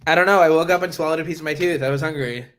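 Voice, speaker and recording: A man co-hosting a casual podcast chat, joking and teasing in an animated way. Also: fairly high pitch, very fast. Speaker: podcast co-host.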